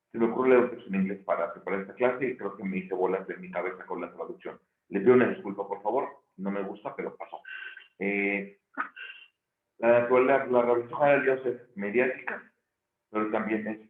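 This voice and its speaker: A man teaching a recorded theology lesson, thinking aloud and correcting himself often. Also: medium pitch. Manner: thinking aloud with frequent restarts and self-corrections. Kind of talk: recorded video lecture. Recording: echoey room, tinny phone-like sound.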